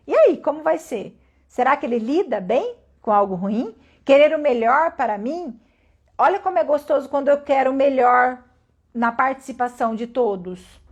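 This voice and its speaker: Brief: calm woman teacher, high voice, unhurried, asks her listeners questions as she explains. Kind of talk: reflective spoken lesson.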